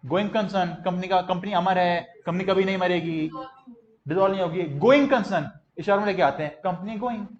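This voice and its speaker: Brief: young male teacher, high voice, playful call-and-response drilling, slightly muffled classroom recording. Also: brisk. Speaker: commerce teacher. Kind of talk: classroom lecture. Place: classroom with students.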